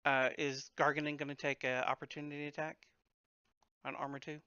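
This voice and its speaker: Crisp-voiced man running a tabletop game. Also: on the high side, flat delivery, fairly quick, bright, forceful tone, no room sound, lo-fi sound. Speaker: game master. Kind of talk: casual tabletop game narration.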